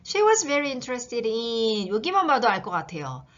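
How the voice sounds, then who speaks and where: Lively woman teacher, up-and-down voice, asks and answers her own questions, kinda muffled audio. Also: on the high side, slow. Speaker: English teacher. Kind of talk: English reading lesson.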